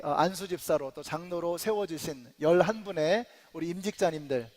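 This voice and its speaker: A pastor in his forties preaching a sermon in a church, conversational with filler sounds, building into emphatic rising passages. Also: sits high. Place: church sanctuary. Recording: long reverb of a church hall.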